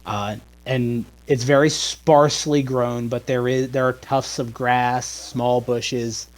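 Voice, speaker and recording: A man's voice: mid-range voice, steady tone, slow, poor audio. A man narrating a tabletop game as game master, stopping and restarting often as he describes the scene.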